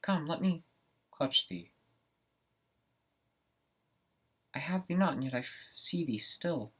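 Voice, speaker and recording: A man playing Macbeth as a tormented, ambitious man brooding over murder, in a theatrical, deliberate stage soliloquy. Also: fairly high pitch, lively intonation, fairly bright tone, breathy edge, pitched above the performer's own voice. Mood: fearful, haunted. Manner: theatrical, deliberate Shakespearean soliloquy with weighted pauses. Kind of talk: classical stage monologue.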